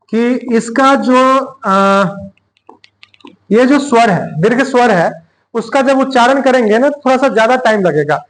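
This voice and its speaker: A male teacher giving a grammar lesson, dictating slowly and repeating phrases word by word. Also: extremely high pitch.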